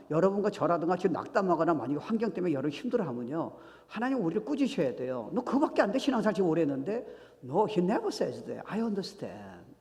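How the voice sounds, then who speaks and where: A man preaches in an animated sermon, his fairly high voice swinging widely in pitch as he acts out conversations and slips in English phrases. His words ring out with the long reverb of a church sanctuary. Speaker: pastor.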